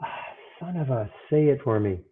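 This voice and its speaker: A man's voice comes through muffled, as if from the other side of a wall, picked up by earbuds rather than a proper mic. The sound is thin and phone-like. He talks in a flustered, halting way, full of fillers and restarts. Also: medium pitch, animated. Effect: muffled, as if heard through a wall. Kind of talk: casual chat. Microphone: earbuds instead of his microphone.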